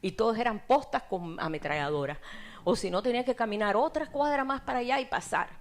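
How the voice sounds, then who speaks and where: Animated Cuban woman preaching testimony. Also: a little high, a little fast. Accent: Cuban Spanish. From Cuba. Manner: animated storytelling, laughs often, voice rises in emotional peaks. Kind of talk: sermon testimony.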